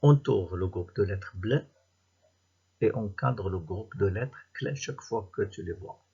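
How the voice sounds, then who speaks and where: A man with a Moroccan French accent, reading a worksheet aloud to young pupils as their teacher, slowly and deliberately, word by word. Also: fairly low pitch, warm tone, slightly rough, lo-fi sound. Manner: slow and deliberate, reading words and syllables one by one. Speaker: primary school teacher.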